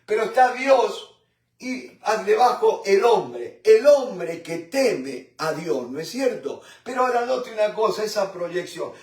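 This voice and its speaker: A man teaching a Bible study in a fervent sermon style, repeating tag questions and addressing listeners as brothers, with halting restarts and swings in loudness. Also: high-pitched, animated. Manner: fervent, repeats "mi hermano" and "¿no es cierto?". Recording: roomy echo from a distant mic.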